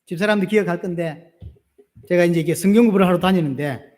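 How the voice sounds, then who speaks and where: A man's voice: sits high, fast talker, a little mellow. A middle-aged man with a Gyeongsang Korean accent preaching a sermon as pastor. He keeps asking the congregation questions and answering them himself.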